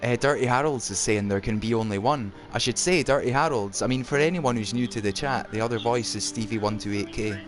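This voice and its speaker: A man from Edinburgh with a soft Scottish accent, hosting a casual livestream chat. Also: medium pitch, brisk, few pauses, faint music behind. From Edinburgh, Scotland. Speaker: livestream host.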